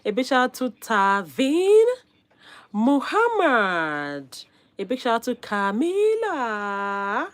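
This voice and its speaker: Hosting a casual stream while slightly hoarse from a cold, a woman calls out viewers' names, laughs often, and keeps things upbeat. Her slow voice runs on the high side with wildly swooping pitch.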